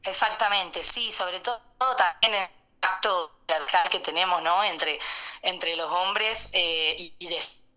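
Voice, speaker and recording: Argentine woman on speakerphone, lowish voice but sharp, lots of um's and restarts. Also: a little slow. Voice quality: hesitant, many fillers and restarts. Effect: on speakerphone over a phone line. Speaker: activist guest on a phone call. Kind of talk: phone interview on radio. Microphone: phone on speaker.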